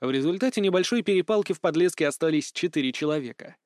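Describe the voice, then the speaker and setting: A man narrating a fantasy story in an even storytelling voice with dry wit. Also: fairly high pitch, fast talker, no echo. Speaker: audiobook narrator. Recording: dry close studio mic.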